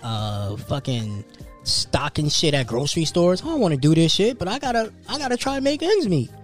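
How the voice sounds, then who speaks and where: Faint music plays behind a podcast host in his thirties whose slightly high voice swings widely in pitch at a moderate pace. Relaxed and profane, he spins stories about work and his ambitions.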